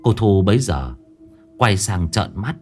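A man's voice: on the low side, a little slow, soft background music. A man narrating a ghost story in a dramatic storytelling manner. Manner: dramatic, animated.

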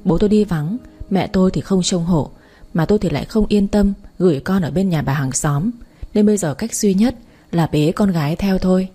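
A woman narrating a first-person story aloud in an even storytelling manner. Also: lowish voice, moderate pace, husky, faint music behind.

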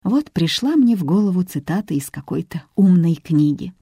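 A woman narrating an audiobook in an even, measured reading. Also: on the low side, slightly rough, dry recording, clean studio sound. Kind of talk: scripted narration.

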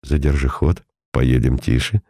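A man voicing a calm, commanding older detective with a cool, sardonic manner, read as an audiobook character. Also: rumbling low, measured pace, no echo, clean studio sound, voice pushed down, heavily acted.

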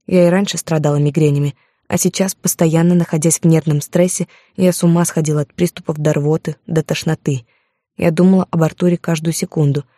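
Woman reading a dramatic first-person novel, dark mellow voice, dry close mic. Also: low-pitched, fairly even intonation, fairly quick, dry recording. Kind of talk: first-person audiobook narration.

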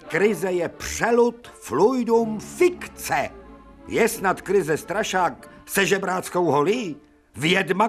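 In a theatrical radio drama, a male actor with a high-sitting voice plays an imperious, irascible older professor declaiming sarcastic rhetorical questions. Music plays faintly behind him.

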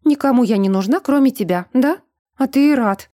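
A woman voicing a young, emotional woman who turns shrill and indignant. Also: normal speed, vocal fry, warm tone, dry recording, clean studio sound. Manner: pleading, then shrill and indignant.

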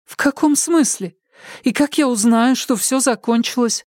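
A man's voice: extremely high pitch, measured pace, darkish tone, no echo, clean studio sound, voice pushed up. A man voicing an anxious, impulsive young woman who keeps pleading and asking questions in an audiobook.

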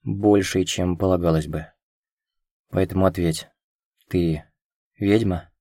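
A man's voice: low voice, fairly even intonation, takes it slowly, mellow, dry recording, studio quality. A man reading a tender, commanding young lord. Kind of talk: audiobook character reading.

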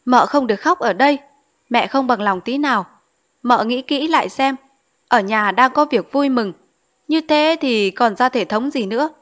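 A woman voicing a strict, domineering old mother-in-law who fusses and scolds in a hurried way. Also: fairly high pitch, animated, fairly bright tone. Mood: scolding.

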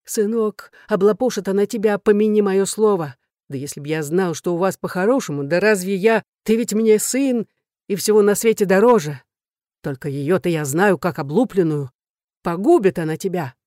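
A woman's voice: medium pitch, normal speed, dark tone, no room sound, studio quality, natural voice. A woman voicing a jealous older man who scolds and pleads tearfully, in a storybook reading. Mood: pleading. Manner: abusive, wheedling, tearful lament.

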